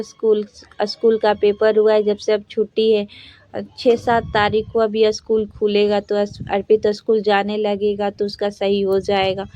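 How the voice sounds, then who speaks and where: Woman narrating her chores, homely and flat. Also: mid-range voice, no room sound. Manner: plain, homely, rambling chatter. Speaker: vlogger, homemaker. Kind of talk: casual voice-over narration. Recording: dull, lo-fi voice-over.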